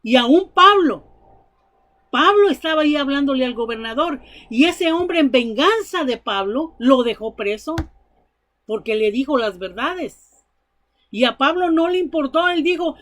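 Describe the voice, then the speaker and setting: High-voiced woman preaching earnestly. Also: fairly bright tone. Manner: earnest, emphatic storytelling preaching. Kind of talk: sermon.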